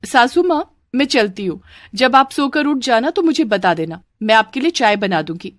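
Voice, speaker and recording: A woman puts on a cheeky young bride in an animated storybook, high and bright-toned, full of teasing, mock-innocent comebacks. The voice is close and dry, with no room around it. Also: normal speed, no room sound, close to an everyday voice. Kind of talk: Hindi storybook voice acting.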